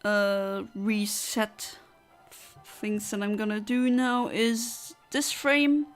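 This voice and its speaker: A woman's voice: mid-range voice, little pitch movement, takes it slowly, soft background music. A woman from southern Luxembourg, chatting casually on a gaming livestream, rambling as she reads out and answers chat. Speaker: streamer.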